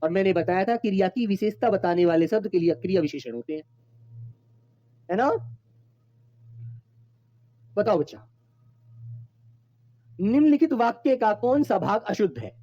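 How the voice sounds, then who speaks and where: Casting: male teacher, warm dark tone, dry close sound, slightly dull lo-fi audio, affectionate and repetitive with students. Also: high voice, big pitch swings, normal speed, long pauses, no echo. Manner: addresses students fondly as children, repeats points. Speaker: Hindi teacher. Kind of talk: online exam-prep class. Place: online class recording.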